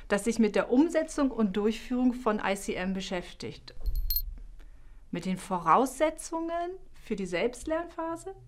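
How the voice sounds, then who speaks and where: A middle-aged woman, a university lecturer, speaking calmly in a scripted video trailer, recorded in a studio on a lapel mic. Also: mid-range voice. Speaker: linguistics lecturer, keynote speaker.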